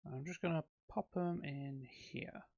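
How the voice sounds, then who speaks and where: A man's voice: fairly high pitch, a little slow, vocal fry, darkish tone, no room sound, lo-fi sound. A man giving casual, rambling commentary on his own gameplay, with frequent ums and self-corrections. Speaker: let's play host.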